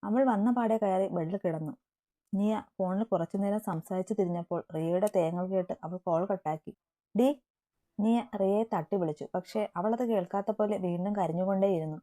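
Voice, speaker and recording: A woman narrating a romance story in a steady, matter-of-fact reading. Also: mid-range voice, a little fast.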